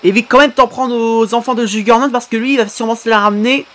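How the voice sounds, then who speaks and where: A man giving casual, excitable reaction commentary on videos, exclaiming often. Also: extremely high pitch, fast. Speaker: YouTube reactor.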